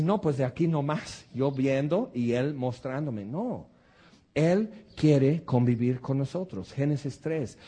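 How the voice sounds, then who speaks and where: Husky preacher, mellow tone. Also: male voice, medium pitch. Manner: earnest, animated preaching with acted-out quotes and rhetorical questions. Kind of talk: sermon.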